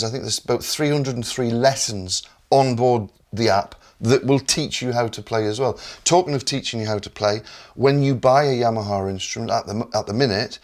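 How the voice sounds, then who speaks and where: A man with a Northern English accent, explaining a digital piano in casual chat with enthusiasm and lots of repeated words. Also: medium pitch. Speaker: product specialist. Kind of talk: casual product demo chat.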